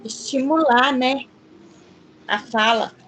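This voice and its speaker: A woman's voice: high voice, slow, a bit bright, slight background noise. A woman student answering in class, tentative and hesitant.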